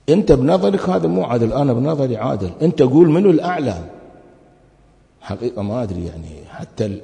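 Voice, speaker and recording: A man delivers a religious lecture, pressing his case with one rhetorical question after another. His gravelly voice swings widely in pitch. It rings with the long reverb of a hall. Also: dark tone. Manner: argumentative, full of rhetorical questions.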